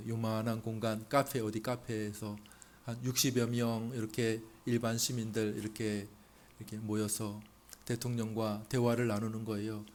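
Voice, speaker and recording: A male pastor delivering a sermon in a conversational style. He asks the congregation rhetorical questions and builds to loud, emphatic peaks. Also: on the low side, little pitch movement, moderate pace.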